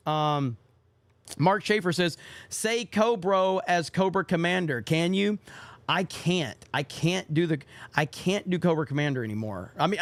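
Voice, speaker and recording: This young man hosts a laid-back livestream podcast, reading out donations from viewers and cursing casually as he goes. His voice is a little high, captured in a dry recording.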